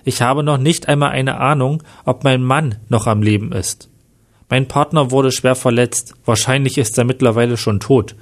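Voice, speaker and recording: A man's voice: medium pitch, normal speed, close to an everyday voice. A man reading the lines of a weary former detective on the run in a plain read-aloud manner. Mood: subdued.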